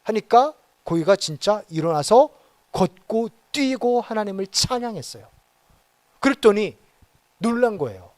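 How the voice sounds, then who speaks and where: A male pastor preaches with a high voice that swings widely, and he breaks into dramatic quoted exclamations. The sound is dry and close. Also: sing-song, a little slow, darkish tone, no echo. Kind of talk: sermon. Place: church auditorium.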